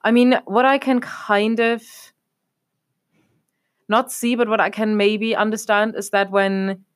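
Young adult woman from Germany, podcast co-host, casual rambling chat full of fillers, middle pitch. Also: flat delivery, a little slow. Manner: rambling, leans on fillers like "obviously" and "a whole thing".

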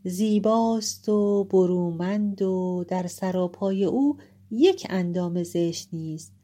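A woman voicing a wise old nursemaid who speaks with calm authority and formal, courtly address in a told story. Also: lowish voice, close to an everyday voice. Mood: ceremonious.

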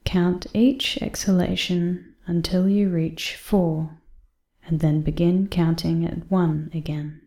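A woman reading a guided breathing exercise in a soft, calm voice that often drops to a half-whisper. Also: lowish voice, takes it slowly, reverberant. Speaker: meditation guide.

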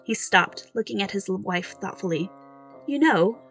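Woman reading her own story, middle pitch, faint music under it. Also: fairly even intonation, normal speed, a bit bright. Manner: self-deprecating, casual in asides. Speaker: storyteller and author. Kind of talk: story narration.

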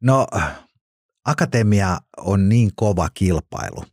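Middle-aged male interview guest: very deep, husky voice, blunt and colloquial, swears freely, dry close sound. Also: lively intonation, darkish tone, dry recording. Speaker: guest, former criminal and author. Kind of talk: casual interview storytelling.

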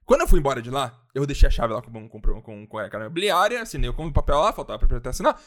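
Fast, excitable man telling a story. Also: medium pitch. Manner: animated, excitable, swears, acts out quotes. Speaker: podcast co-host. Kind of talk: casual storytelling chat.

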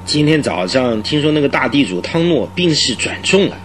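An actor playing a talkative, obliging police inspector in a radio drama, explaining things in an emphatic conversational way. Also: male voice, mid-range voice, big pitch swings, normal speed, a bit bright. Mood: informative, obliging. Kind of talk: Mandarin radio drama acting. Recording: clear vehicle noise behind voice. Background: car engine hum.

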